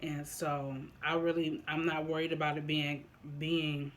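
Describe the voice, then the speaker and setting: Slow, halting casual vlogger. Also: medium pitch, little pitch movement, a bit bright, a little hiss or hum. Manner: halting, deliberate, repeats and rephrases phrases. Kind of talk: casual opinion talk to viewers during a mukbang.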